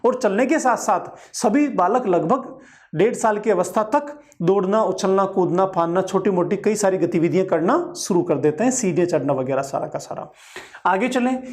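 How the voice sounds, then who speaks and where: A man's voice: sits high, a little mellow. Man giving a Hindi exam-prep lecture. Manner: explanatory, repeats key points with examples. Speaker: teacher.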